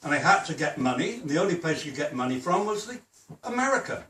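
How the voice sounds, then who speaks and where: A man's voice: on the high side, sing-song, quick pace, bright, forceful tone, slight background noise. An older man, a former policeman, answering audience questions in a plain, matter-of-fact way at a public talk. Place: hall. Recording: echoey hall, voice from far off.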